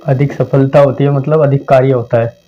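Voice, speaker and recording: Brisk and steady, a medium-pitched man with a dark tone gives a conversational exam-prep lesson, with a little background noise present. He repeats points and acts out phrasings to show their meaning, and the home recording sounds dull and lo-fi.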